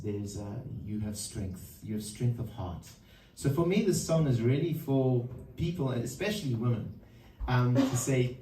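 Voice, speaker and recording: A man with a fairly low voice, casually introducing a song at a live session. He speaks thoughtfully and hesitantly, with many pauses and fillers. The mic sits some way off in a reverberant room, with a faint hum of background noise. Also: dark tone, recorded from a distance. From Zimbabwe. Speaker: singer-songwriter introducing a song.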